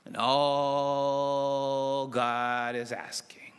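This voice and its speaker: A middle-aged man preaching a sermon from a church pulpit, acting out dialogue with dramatic swings between loud and soft. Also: mid-range voice, drawn-out words, clean tone. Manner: dramatic, voices God and Moses in lively asides. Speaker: pastor. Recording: long church reverb.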